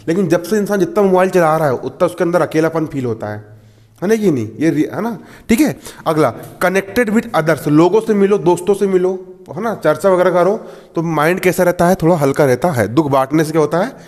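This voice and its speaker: A man's voice: sits high, darkish tone, in a large hall. A man teaching a class in a chatty, laughing way, often asking his students if they follow. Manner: chatty, laughs often, repeats "theek hai". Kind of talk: classroom lecture.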